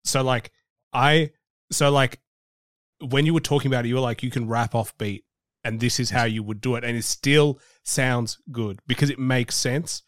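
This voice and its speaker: Relaxed male podcast host. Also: medium pitch, moderate pace, dry recording, studio quality. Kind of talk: casual podcast interview.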